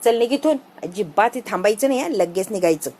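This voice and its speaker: A woman's voice: mid-range voice, expressive, fairly quick, darkish tone, lightly acted. A woman doing a brusque stern older father. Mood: ordering. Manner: brusque, ordering.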